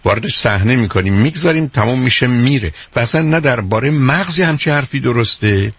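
A man's voice: mid-range voice, lively intonation, a bit bright, breathy edge, no echo. A man speaking as a hypnotherapist guest in an interview, explaining his points carefully with worked examples in a lecturing way.

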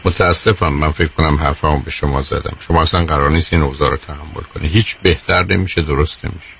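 A man hosting a call-in advice show on radio, calm and firm, addressing the caller as dear. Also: extremely low pitch, gravelly, a little hiss or hum.

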